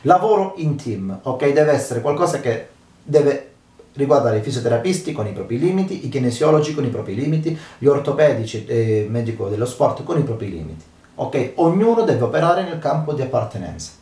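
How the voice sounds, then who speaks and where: A man's voice: mid-range voice, big pitch swings, a little fast, dark tone, far from the mic. A man hosting a fitness channel, talking casually to camera in an emphatic way and often checking that his listeners follow. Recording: echoey room, voice away from mic.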